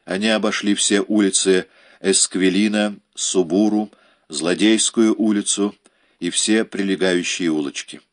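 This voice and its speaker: A man reading a historical novel aloud as an audiobook narrator, measured and dramatic. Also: sits low, fairly even intonation. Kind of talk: scripted narration.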